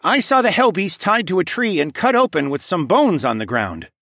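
A man's voice: sits high, very animated, moderate pace, fairly bright tone, dry recording, studio quality, voice pushed up, heavily acted. A man voicing a curt, guarded young prince testifying in an audiobook.

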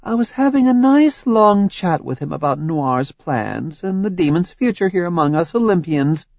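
A man's voice: sits high, very animated, normal speed, creaky, darkish tone, no echo, pitched above the performer's own voice, exaggerated voice. A man voicing a proud, scheming goddess queen who needles her husband relentlessly, in an audiobook with a slightly dull, dry recording. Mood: taunting. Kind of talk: audiobook character voice.

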